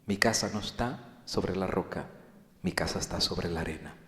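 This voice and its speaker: A male pastor giving a sermon, swinging between loud, urgent appeals and hushed, whispered pleading. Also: sits low, normal speed. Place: church hall. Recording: echoey hall.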